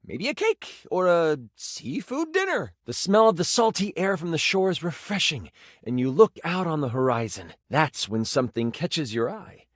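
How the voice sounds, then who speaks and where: For a video game, an eager male game master narrates a fantasy tabletop adventure with a theatrical storyteller's flair. His high-side pitch swings widely to build drama at a normal pace, with dramatic, expressive delivery and asides. The recording is dry and close, without room sound.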